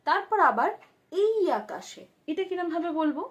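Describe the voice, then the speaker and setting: A woman teaching a song at the harmonium, singing phrases slowly and then explaining the notes quietly and quickly. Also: very high voice, very animated. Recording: loud harmonium under the voice. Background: harmonium playing.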